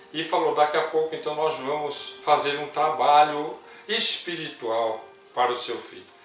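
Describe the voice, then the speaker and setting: An older Brazilian man in his sixties giving a storytelling spiritist testimony, softly quoting others as he goes. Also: on the high side. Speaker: spiritist speaker. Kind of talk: personal testimony talk. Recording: distant mic with heavy room echo, faint music.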